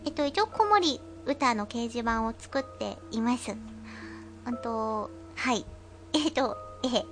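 Woman, net radio host, high cute voice, giggly and rambling, faint music underneath. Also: animated, slow. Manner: chatty, giggly, rambling with fillers. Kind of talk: casual chat reading listener comments. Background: faint background music.

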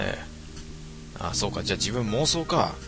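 A man's voice: fairly low pitch, big pitch swings, normal speed, over music. A man casually reading viewer comments aloud and joking at his own expense. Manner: self-mocking, muttering asides. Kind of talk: casual chat.

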